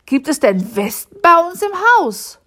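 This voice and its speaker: A woman voicing a loud, shrill middle-aged mother who scolds her son. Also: sing-song, unhurried, heavily acted. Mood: startled. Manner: shrill, raised voice.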